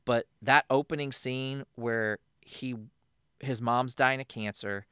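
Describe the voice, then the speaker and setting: A man co-hosting a podcast in casual chat, animated and swearing freely. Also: medium pitch, slow pace, clean tone, dry recording, clean studio sound. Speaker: podcast co-host.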